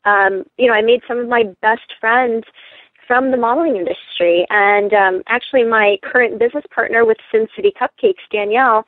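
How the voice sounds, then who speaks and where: A woman's voice: on the high side, normal speed, no room sound. A woman in her late twenties, born in South Korea, answering interview questions over the phone in a friendly, composed way. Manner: friendly and composed, with frequent um fillers and light laughs. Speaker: guest, entrepreneur and pageant titleholder. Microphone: telephone. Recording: tinny phone line.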